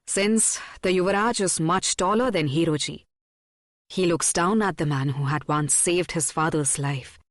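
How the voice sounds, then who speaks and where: A woman narrating a historical audiobook in a measured, dramatic storytelling manner on a close studio mic. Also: sits low, no room sound. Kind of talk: scripted narration.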